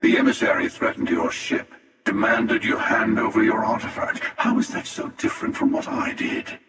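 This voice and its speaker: An actor playing a menacing, arrogant, world-weary hunter villain in a video game, with a gravelly voice and a deliberate, sardonic delivery. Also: male voice, fairly low pitch, huge pitch swings, a bit bright, soft background music. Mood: measured, pragmatic. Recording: echoey, long reverb, distant.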